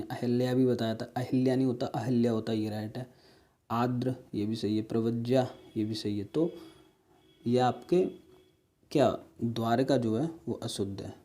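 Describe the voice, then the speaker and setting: Male tutor, mellow tone, walks through answers one by one, often checking in with the viewer. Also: mid-range voice. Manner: explains step by step, repeating words and "ठीक है"; asks rhetorical questions to viewers. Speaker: teacher. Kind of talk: exam-prep spelling lesson.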